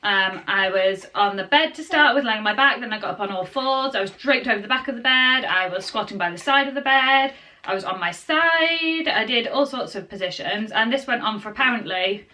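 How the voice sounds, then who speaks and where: A young woman telling her birth story to camera at home in a chatty, casual way, full of fillers and soft asides to the baby in her arms. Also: a little high, fairly quick, hardly any pauses. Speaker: parenting vlogger.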